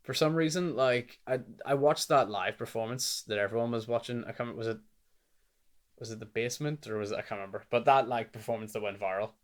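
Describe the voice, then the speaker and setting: A young man with a Northern Irish accent, chatting casually about albums he has listened to, rambling and animated with lots of fillers. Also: on the low side. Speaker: music reviewer. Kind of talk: casual chat.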